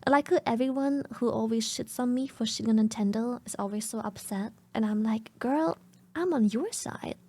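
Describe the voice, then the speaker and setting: A woman's voice: fairly high pitch, flat delivery, a little fast, few pauses, mellow. A young woman streaming a casual reaction, talking bluntly and chattily in her groggy morning voice.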